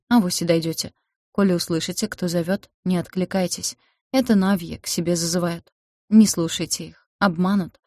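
A woman's voice: on the low side, a little mellow, no room sound, studio quality, close to an everyday voice. Woman voicing a fretful old village healer. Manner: folksy, lamenting, scolding.

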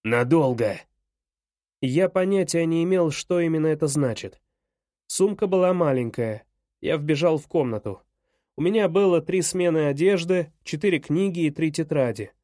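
A man narrating a first-person audiobook in a measured, even way. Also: on the high side, dry recording, studio quality.

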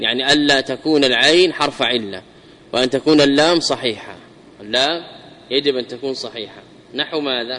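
A man teaches a grammar lesson in a bright, forceful voice. He repeats his examples slowly and asks his students questions. The sound rings with a long hall reverb. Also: mid-range voice, slight background noise. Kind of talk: classroom lesson.

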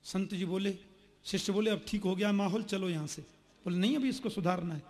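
A man preaching a Hindi devotional story sermon, acting out the characters' dialogue with changing pitch and loudness. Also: brisk.

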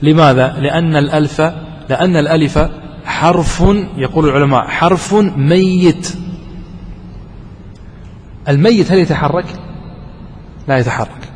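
A man's voice: a little high, brisk. Man teaching in an echoey hall. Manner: quizzes students, repeats and stresses points. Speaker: sheikh teaching grammar. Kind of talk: classroom grammar lesson. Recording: echoey hall with faint noise.

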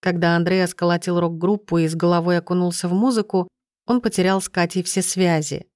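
A woman reading a novel aloud as narrator, in a steady, even storytelling manner. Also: lowish voice, brisk, no echo, studio quality. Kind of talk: audiobook narration.

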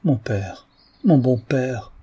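A man reading aloud, voicing a young woman who pleads with her father in anguish, his voice lifted higher than his narration. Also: expressive, takes it slowly, dark tone, slightly rough. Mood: pleading. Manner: pleading, breathless, rising to cries.

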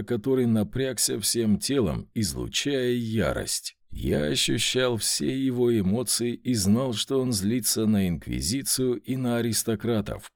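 Expressive male audiobook narrator. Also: medium pitch, no echo, clean studio sound. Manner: expressive, dramatic storytelling. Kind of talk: scripted fantasy audiobook narration.

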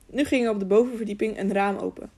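A woman narrating a children's adventure audiobook. Her delivery is steady and even, in scripted storytelling narration. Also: medium pitch, fast talker, breathy edge.

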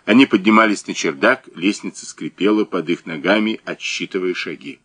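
A man narrating a crime novel audiobook in a measured, dramatic way. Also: low voice, fairly bright tone.

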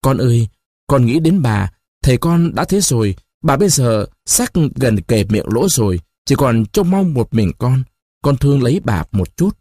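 A man's voice: medium pitch, big pitch swings, moderate pace, dark tone, dry recording, studio quality. A man voicing an elderly grandmother in a story reading, pleading and resigned, with a quavering, tearful way of talking.

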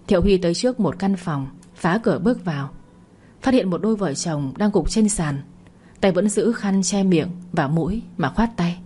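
A woman narrating a drama story in a steady, even-paced storytelling manner. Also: fairly low pitch, moderate pace, husky.

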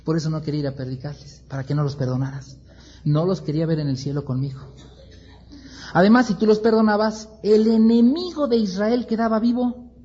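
A man's voice: high voice, animated, a little fast, few pauses, mellow, highs cut off. A man voicing the prophet Jonah as a sulky, indignant grown man who complains in a whiny tone.

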